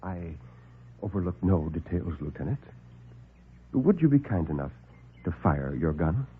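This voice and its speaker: A man playing a calm, superior doctor who speaks formally and with cold courtesy, in classic radio horror storytelling. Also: low-pitched, slightly rough, voice pushed down, heavily acted. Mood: icily polite. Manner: formal, measured, softly condescending. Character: calm, superior male doctor, sinister and coldly courteous captor. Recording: muffled old radio broadcast recording.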